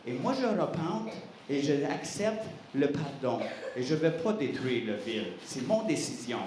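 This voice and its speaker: A man voicing God in a lower, calm, gently firm tone. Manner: slow, soothing, gently firm. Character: patient, calm God, deep male voice. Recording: roomy hall, faint noise.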